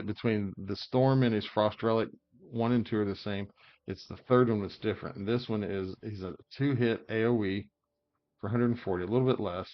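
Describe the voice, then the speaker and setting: Low-voiced man explaining game builds. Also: muffled recording. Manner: rambling, thinking aloud with many fillers. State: hiccups. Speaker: game guide creator. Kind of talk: casual gameplay commentary.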